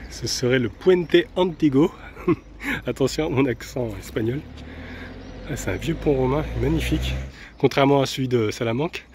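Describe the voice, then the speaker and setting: A man from France filming a casual travel vlog outdoors on a handheld camera, chatty and relaxed, with soft laughs and hesitant fillers. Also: medium pitch, a little hiss or hum. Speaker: travel vlogger. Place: outdoors, walking around a van and an old town.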